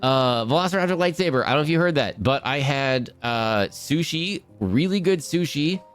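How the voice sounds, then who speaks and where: Male streamer, smooth clear voice, chatty, upbeat, faint music behind. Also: mid-range voice. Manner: chatty, upbeat, reads chat aloud. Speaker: game streamer. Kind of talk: casual live-stream chat.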